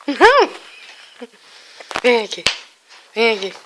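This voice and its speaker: A woman, talking in baby talk to her dog at home with high-pitched cooing that shifts into soft soothing. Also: lively intonation, slow pace, background noise. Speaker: dog owner.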